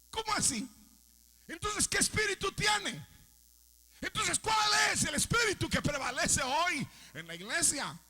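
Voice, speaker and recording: A man with a Salvadoran Spanish accent preaching a sermon as pastor, often breaking into loud, shouted outbursts. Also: very high voice.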